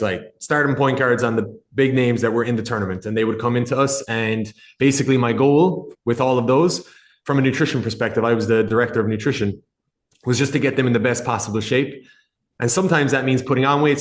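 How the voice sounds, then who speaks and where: A sports nutritionist in his 30s, from Ireland, chats casually as a podcast guest. His accent is Irish with some American mixed in, his voice is mid-range, and the room sounds echoey.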